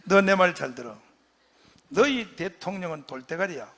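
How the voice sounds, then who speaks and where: A man's voice: medium pitch, fairly even intonation, normal speed, vocal fry, fairly bright tone, breathy edge, voice pushed down, exaggerated voice. A man preaching, acting out a stern old statesman who thunders a rebuke at foreign negotiators. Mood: scolding.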